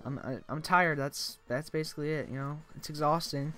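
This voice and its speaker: A man's voice: fairly high pitch, a little fast, bright, forceful tone. Tired young man rambling over game music. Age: young adult. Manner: rambling, tired, says "like" constantly. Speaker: let's play commentator. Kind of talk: casual gameplay commentary. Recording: game music playing behind.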